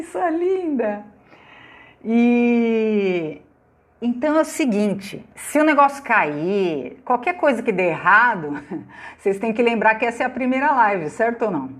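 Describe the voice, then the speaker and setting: A middle-aged Brazilian woman hosting a casual live stream from her phone, loud and chatty, greeting viewers by name and laughing often. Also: fairly high pitch. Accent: Brazilian Portuguese. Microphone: phone on laptop.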